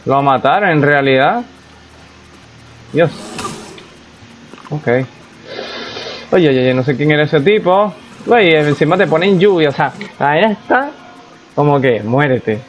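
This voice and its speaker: A man's voice: on the high side, measured pace, pauses often, a little hiss or hum, low-quality recording. Man casually narrating his gameplay. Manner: chatty, reacts aloud to the game, talks to himself. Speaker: gaming YouTuber. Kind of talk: casual let's-play commentary.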